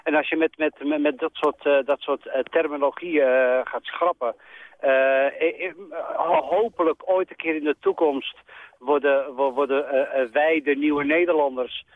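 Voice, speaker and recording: A middle-aged man calling in to a radio show by phone, talking very hesitantly with many pauses and filler sounds. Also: fairly high pitch, fairly even intonation, dry recording. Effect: phone line. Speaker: radio call-in caller. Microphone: telephone. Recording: narrow tinny phone line.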